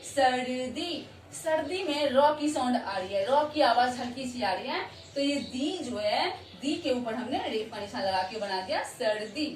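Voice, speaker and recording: A woman teaching a Hindi lesson to children, who repeats words slowly and often checks that they understand. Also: sits high, a little hiss or hum. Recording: echoey room, voice from far off.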